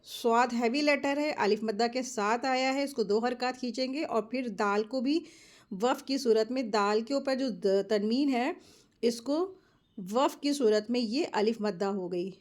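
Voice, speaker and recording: A woman teaches Quran recitation step by step, explaining each rule quickly and then reciting words slowly as examples. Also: on the high side. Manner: slow, drawn-out model recitations between quick explanations. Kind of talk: step-by-step tajweed lesson.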